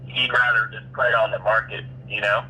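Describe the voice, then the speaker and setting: A man's voice: lowish voice, little pitch movement, fairly quick, bright, forceful tone, slightly rough, poor audio. A man talking business in a phone conversation as a real estate agent, often restarting his phrases as he explains things.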